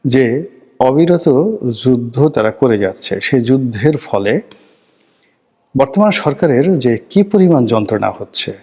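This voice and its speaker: A middle-aged man giving solo political commentary in a measured, emphatic way, stacking phrases into lists and pausing to stretch out key words. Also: medium pitch, animated, a little mellow, breathy edge. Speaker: political talk show commentator.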